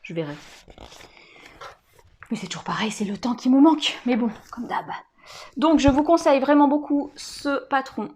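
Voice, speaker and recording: A woman's voice: high voice, normal speed, pauses often, a little mellow. A woman sewing vlogger in casual, chatty talk, with many fillers and asides. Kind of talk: casual chat.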